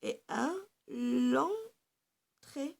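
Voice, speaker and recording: Patient woman teacher for a children's phonics lesson, slightly high, creaky voice, repeats each sound. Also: extremely slow. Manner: explains step by step while drawing on a board.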